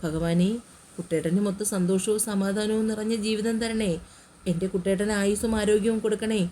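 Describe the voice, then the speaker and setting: A woman voicing a gentle, devoted young woman in a romantic audio story, speaking softly and earnestly. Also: medium pitch, steady tone, a little fast, a little hiss or hum, close to an everyday voice. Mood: prayerful.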